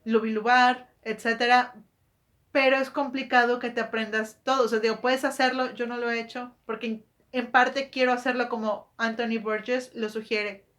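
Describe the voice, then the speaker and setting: A woman's voice: a little high, level tone, normal speed, fairly bright tone. Chatty woman. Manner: chatty, self-correcting, rhetorical questions. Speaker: book vlogger. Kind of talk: casual explanatory monologue.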